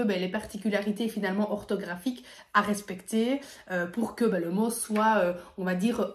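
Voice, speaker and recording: A woman speech therapist chatting casually about the materials she uses, with many fillers and easy laughs. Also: medium pitch. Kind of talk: casual video presentation. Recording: echoey room.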